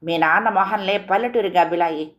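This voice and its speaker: A woman's voice: mid-range voice, brisk, natural voice. A woman voicing a cheeky, sulky young village man who whines and talks back. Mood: defiant.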